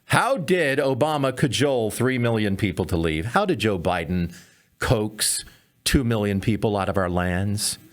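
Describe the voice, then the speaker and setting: A man's voice: on the low side, animated, unhurried. A man hosting a comedy podcast, giving sarcastic political commentary full of mocking rhetorical questions.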